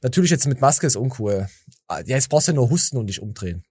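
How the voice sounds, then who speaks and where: A man's voice: medium pitch, very animated, fast talker, darkish tone, husky, no room sound. Rambling joking man, dry close mic. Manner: rambling, joking, stammering restarts. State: tired from little sleep. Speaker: podcast host. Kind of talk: casual chat.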